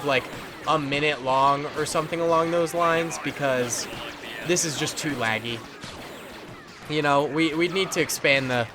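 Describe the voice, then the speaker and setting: A gaming channel host whose voice runs on the high side offers loose, playful commentary over a battle simulator game against a noisy background. He uses lots of slang, laughs often, and sounds blocked up from a cold.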